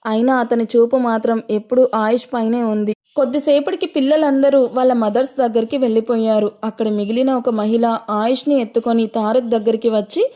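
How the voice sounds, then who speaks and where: A woman narrating an audio story in a gentle, expressive way, her voice strained from long recording. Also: a little high, fairly quick.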